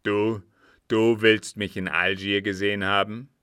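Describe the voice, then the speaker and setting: A man's voice: lowish voice, steady tone, measured pace, a bit bright, clean tone, dry recording, clean studio sound. A man voicing a cunning disguised agent who feigns innocence with emphatic protests, in an audiobook reading. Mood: indignant.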